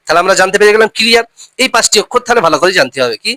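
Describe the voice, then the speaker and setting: Bright-voiced man teaching recitation rules. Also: sits high, lively intonation, no room sound, rough recording. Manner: spells out letters and syllables slowly, then repeats them; reminds listeners often to remember the rules. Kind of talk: step-by-step recitation lesson.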